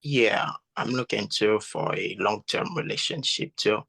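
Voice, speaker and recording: A man in his twenties with a gravelly, sharp-edged voice, somewhat low. He keeps his answers short and plain. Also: unhurried, no echo. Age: 20s. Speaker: caller.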